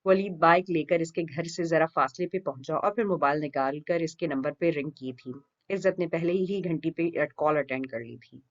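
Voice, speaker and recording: A woman reading a romance novel aloud as an audiobook narrator, steady and expressive. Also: low-pitched, few pauses. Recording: dull lo-fi recording.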